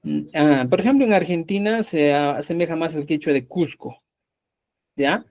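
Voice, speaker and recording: A man's voice: a little high, moderate pace, darkish tone. A man teaching a live online language class, explaining step by step and often checking in with his students. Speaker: Quechua teacher.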